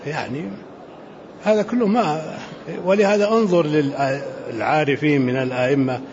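A man, a sheikh giving unhurried commentary in a religious lesson, dropping into softer asides. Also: a little high. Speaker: sheikh commenting on a fiqh text. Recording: muffled lo-fi recording with faint hiss.

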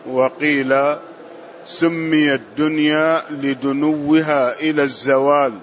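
Male reader in a lesson, slightly high voice, formal even recitation, dull lo-fi audio. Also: slow pace. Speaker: student reading the text aloud. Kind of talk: reading a classical text aloud in a lesson. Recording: muffled lo-fi audio with faint hiss.

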